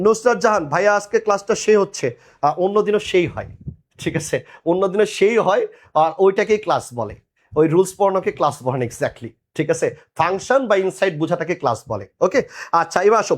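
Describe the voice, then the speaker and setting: High-voiced young teacher. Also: male voice. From Bangladesh. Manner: drilling call-and-response, repeating answers; teasing, chatty with students. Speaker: admission test teacher. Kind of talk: online class lecture.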